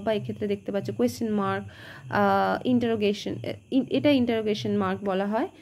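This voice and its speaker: Gravelly-voiced woman teaching English grammar. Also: fairly high pitch, darkish tone, slight background noise. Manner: explains step by step, mixing English terms, asking rhetorical questions. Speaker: exam prep teacher. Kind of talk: online grammar lesson.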